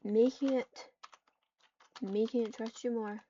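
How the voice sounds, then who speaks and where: Slow and dark-toned, her voice sits on the high side with fairly even intonation. The same kind of online roleplayer, she narrates an improvised third-person story, speaking dialogue and tags herself and repeating phrases as they come to her. Her muffled lo-fi mic is noisy with typing clicks and keyboard sounds.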